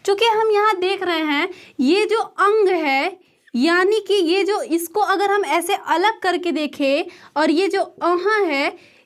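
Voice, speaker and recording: A woman's voice: very high-pitched, slow pace. A woman teaching a Hindi grammar lesson, explaining step by step and asking and answering her own questions as she goes.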